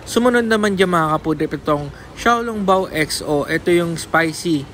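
A man's voice: on the high side, lively intonation, normal speed, fairly bright tone, slight background noise. A man with a Filipino accent giving a casual food review with his mouth full of food, chatting to his viewers. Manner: chatty, repeatedly addresses viewers. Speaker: food vlogger. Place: restaurant.

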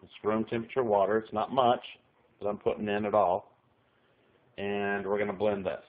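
A middle-aged man's lowish voice, with little movement in pitch and a normal speed, carries a casual cooking tutorial from a small kitchen. He addresses viewers in a folksy, chatty way while filming overhead one-handed, and the sound is tinny like a phone.

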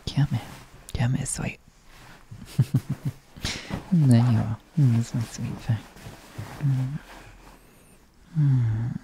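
A man playing a doting caregiver boyfriend in an ASMR role-play, cooing gently and soothingly as if to a child. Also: mid-range voice, natural voice.

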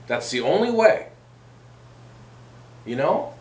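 A man's voice: a little high, very animated, slow pace, a little hiss or hum. A man playing a prim, religious woman who hosts an advice show in a comedy sketch, fussy and motherly. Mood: lecturing. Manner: fussy, motherly, sighing "oh dear". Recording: echoey room.

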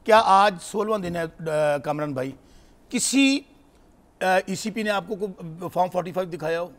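A man's voice: high voice, animated, normal speed, a bit bright. A man, a political panelist arguing combatively and talking over others. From Pakistan. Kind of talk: heated political debate.

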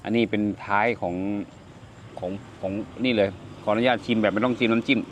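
A man's voice: lowish voice, steady tone, a little fast, a little hiss or hum. An older man, hosting a casual cooking vlog and chatting while he tastes the food. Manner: chatty, exclaims over food while tasting. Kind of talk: casual cooking and tasting talk.

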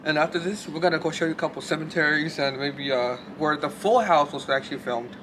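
A man's voice: fairly high pitch, fairly quick. A young man vlogging to camera and talking loosely, with lots of swearing and fillers. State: shaking from cold. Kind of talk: casual vlog. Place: outdoors on a city street, later a hotel room. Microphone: handheld camera filmed by a friend. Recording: noisy street and room ambience.

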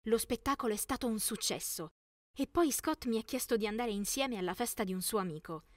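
Young woman narrating with a higher-pitched voice. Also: brisk, a little mellow, no echo, clean studio sound. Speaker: narrator of an animated story, as a teenage girl. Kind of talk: scripted first-person story narration.

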